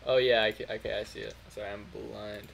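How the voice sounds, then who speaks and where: A young man streaming a game live, chatting casually and excitably with friends and shouting out his viewers. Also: on the low side, quick pace, vocal fry. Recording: faint background noise.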